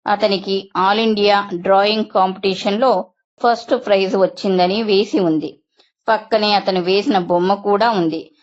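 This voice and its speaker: A woman narrating a first-person story in a steady, measured reading voice. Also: medium pitch. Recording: dull lo-fi recording.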